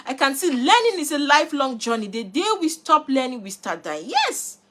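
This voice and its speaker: Her voice high, sing-song and fairly bright, a woman speaks at a normal pace in a motivational talk. Emphatic throughout, she asks her listeners the same rhetorical questions repeatedly during this replayed live online session.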